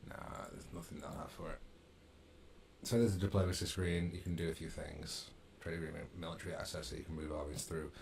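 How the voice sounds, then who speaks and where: Gaming streamer, male, deep voice, casual muttered play-by-play at a desk mic. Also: little pitch movement, a little fast, vocal fry, darkish tone, slight background noise. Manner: muttering, thinking aloud. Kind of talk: casual gameplay commentary.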